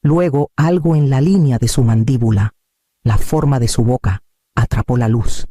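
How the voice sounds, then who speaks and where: Male storyteller, very dark tone, dry close sound, steady and measured delivery. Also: medium pitch, no room sound. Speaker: narrator. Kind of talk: scripted first-person narration.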